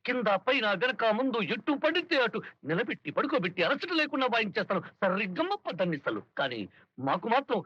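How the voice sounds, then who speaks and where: A boastful, scheming musician. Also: male voice, very high-pitched, big pitch swings, a little fast, bright, forceful tone, slightly rough, no echo, exaggerated voice. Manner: boastful, theatrical. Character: scheming male harmonium player, boastful schemer. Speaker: comic lead. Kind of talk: Telugu film comedy dialogue. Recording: dry, dull film soundtrack.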